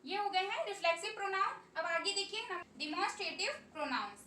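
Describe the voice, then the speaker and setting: A very high-pitched woman with an Indian accent teaches a classroom grammar lesson, slowly drilling lists of words and repeating each one. Her voice is bright and carries, and she sounds distant from the mic in an echoey room with faint noise behind her. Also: animated. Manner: slow, repetitive drilling of word lists.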